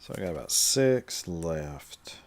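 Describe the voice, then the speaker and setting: A man's voice: deep voice, lively intonation, slow pace. A man casually chatting on a livestream while stitching, explaining his steps and answering the chat. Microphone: webcam livestream setup.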